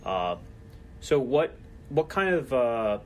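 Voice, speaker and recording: A man from the audience asking a question in a halting, unsure way. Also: mid-range voice, very animated, a little hiss or hum.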